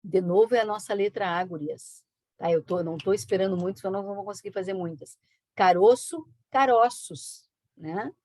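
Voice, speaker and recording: A woman teaching an online exam-prep lesson, brisk and coaxing, with frequent tag questions. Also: mid-range voice, fairly even intonation, mellow, no echo. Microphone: video call.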